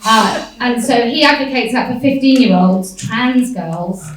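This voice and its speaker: A woman's voice: on the high side, unhurried. A woman speaking on a panel, telling a story in a wry, defiant way and laughing often. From United Kingdom. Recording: echoey hall from far off.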